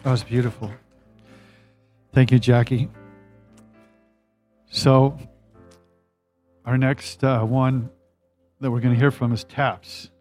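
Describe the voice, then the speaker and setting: A man's voice: medium pitch, flat delivery, slow pace, long pauses, darkish tone, faint music behind. A male pastor hosting a church service, casually introducing the next speaker.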